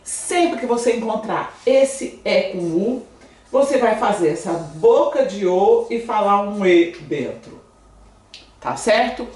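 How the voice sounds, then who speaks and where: Brazilian woman, french teacher, lively sing-song pitch, slow unhurried delivery. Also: roomy sound, recorded from a distance. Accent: Brazilian Portuguese. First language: Portuguese. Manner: lively, coaxing, exaggerated mouth shapes in demonstrations. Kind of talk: casual online language lesson.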